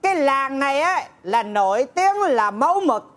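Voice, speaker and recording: A woman's voice: sits high, very animated, normal speed. Woman playing a bossy village chief. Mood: scolding. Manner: domineering, scolding. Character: bossy male Northern village official. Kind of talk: live stage comedy.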